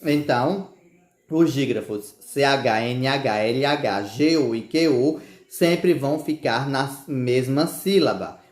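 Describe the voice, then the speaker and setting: A man's voice: mid-range voice, takes it slowly. A male teacher giving a recorded class, patiently spelling words out letter by letter and often checking in with his students. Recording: echoey room.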